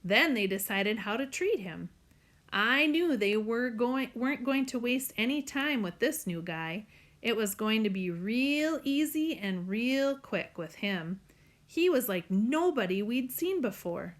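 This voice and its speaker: A woman's voice: a little high, animated, measured pace. Woman reading a novel aloud. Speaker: audiobook narrator. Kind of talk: first-person novel narration.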